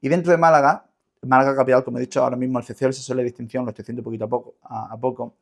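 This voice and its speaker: A man's voice: medium pitch, steady tone, very fast, vocal fry. A man with an Andalusian Spanish accent explaining things didactically as a linguist in an interview, often repeating words as he searches for the next. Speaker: linguist guest.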